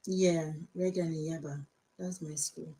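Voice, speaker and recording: A woman's voice: sits low, fairly even intonation, measured pace, dark tone, low-quality recording. Outspoken Nigerian woman in her fifties. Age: 50s. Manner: chatty and outspoken, switching between English and Yoruba. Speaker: live-stream host. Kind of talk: casual live-stream chat answering viewer comments.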